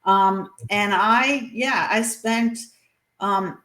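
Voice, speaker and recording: A woman's voice: medium pitch, drawn-out words, a bit bright, reverberant. A woman being interviewed as an author, talking earnestly, with many fillers and restarts. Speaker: guest author. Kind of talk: interview conversation.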